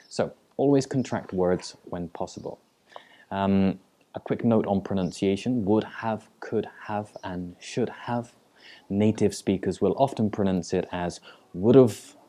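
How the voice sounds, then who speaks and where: This deep-voiced man teaches English out of a textbook, keeping his explanations calm. He repeats words to give learners a chance to practice pronunciation.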